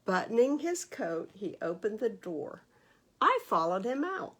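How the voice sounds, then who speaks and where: With a breathy edge to her medium-pitched voice, a woman reads a picture book to children at storytime. The librarian stays unhurried yet very animated, and she turns to her listeners with questions and asides along the way.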